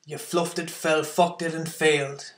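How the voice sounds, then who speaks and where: Intense spoken-word man, high voice. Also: flat delivery, measured pace, a bit bright, roomy sound. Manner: intense, building to impassioned outbursts.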